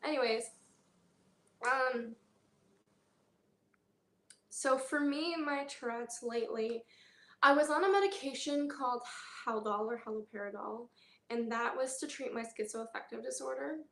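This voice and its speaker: Woman vlogger, slightly high pitch, candid and halting delivery, echoey room sound. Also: gravelly. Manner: candid, halting, many fillers and pauses. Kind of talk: personal health vlog.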